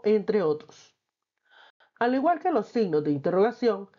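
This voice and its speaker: A woman teacher reading and explaining a textbook lesson, patient and clear. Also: medium pitch, mellow, highs cut off.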